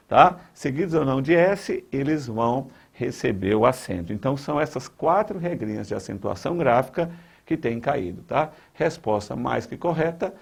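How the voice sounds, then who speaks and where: A man's voice: medium pitch, gravelly, slightly rough. A man with a Brazilian Portuguese accent teaching grammar for an exam, repeating key points with emphasis and talking straight to the viewer. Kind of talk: exam-prep lesson.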